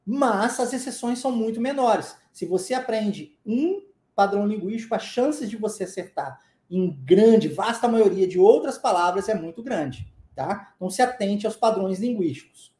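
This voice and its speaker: A Brazilian man with a fairly high, mellow voice teaches an online English lesson. He explains emphatically and keeps checking that the listener follows. The recording has a roomy echo. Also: moderate pace. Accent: Brazilian Portuguese.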